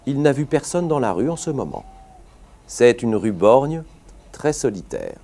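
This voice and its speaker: A man reading a classic detective story aloud as an audiobook narrator, in a measured, expressive manner. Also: medium pitch. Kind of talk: scripted narration.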